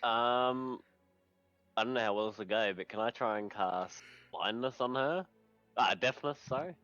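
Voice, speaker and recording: A man's voice: mid-range voice, normal speed, fairly bright tone, no room sound, soft background music. A man chatting casually as a tabletop game player, recorded on a dull lo-fi mic.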